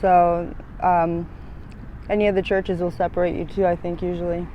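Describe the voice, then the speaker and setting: A woman's voice: lowish voice, flat delivery, normal speed, highs cut off, slight background noise. A woman in her thirties interviewed on a city street, talking in long, hesitant, rambling stretches full of fillers. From United States, born in Latvia. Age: 30s.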